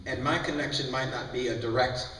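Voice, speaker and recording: A man's voice: mid-range voice, steady tone, fairly quick, pushed and bright. A man moderating a panel in a preacherly way, with call-and-response asides to the audience. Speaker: moderator, reverend. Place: large hall at a breakfast event. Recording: echoey hall from far off, background noise.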